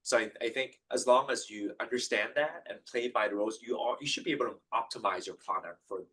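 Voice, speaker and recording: A man's voice: medium pitch, fast talker, a bit bright, slightly rough, poor audio. A man from Hong Kong, a genetic counselor, speaking on a live panel with hesitant, filler-heavy answers. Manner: hesitant, many fillers and restarts.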